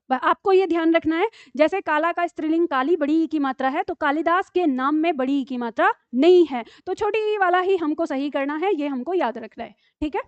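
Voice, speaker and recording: ऊँची आवाज़ वाली महिला शिक्षिका, कक्षा में पढ़ाती हुई. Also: female voice, very high-pitched, no echo, dull audio. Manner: explains spelling tricks patiently, asks students questions. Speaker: Hindi teacher. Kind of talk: live classroom lecture. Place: classroom.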